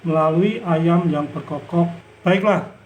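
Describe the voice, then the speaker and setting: Speaking slowly in a fairly high voice, a man preaches while sharing his personal testimony. He rambles and repeats himself with many fillers, and the room sounds echoey.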